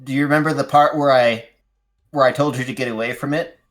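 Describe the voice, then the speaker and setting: A man playing a tabletop game, swinging between dry rules talk and loud exasperation at another player. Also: medium pitch, fairly even intonation, fast, soft background music. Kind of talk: casual tabletop game chat.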